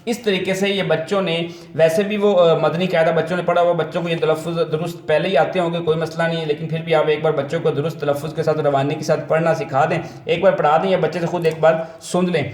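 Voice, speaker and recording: A man teaching a first-grade reading lesson to parents and tutors, with a Pakistani accent. He explains patiently, repeats himself, and sounds out letters slowly. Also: fairly high pitch, little pitch movement, echoey room.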